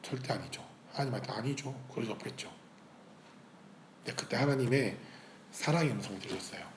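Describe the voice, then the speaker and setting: A man's voice: on the low side, lively intonation, fairly quick. Male pastor, 30s, emotional testimony sermon, echoey hall. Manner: emotional storytelling, shifting between loud outbursts and hushed quoted speech. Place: church hall. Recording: echoey church hall, faint ambient noise.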